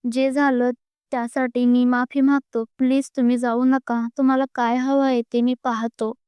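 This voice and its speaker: Woman voicing pleading young shopkeeper man, apologetic, storybook reading, crisp voice. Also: high-pitched, little pitch movement, moderate pace, mellow, no echo, close to an everyday voice.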